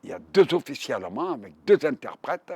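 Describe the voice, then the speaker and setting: A war veteran in his nineties from Provence, France, gives oral history testimony in a Marseille accent, recounting wartime memories vividly and repeating himself often. His medium-pitched voice is husky, a little mellow, and brisk, with big pitch swings, in a dry recording.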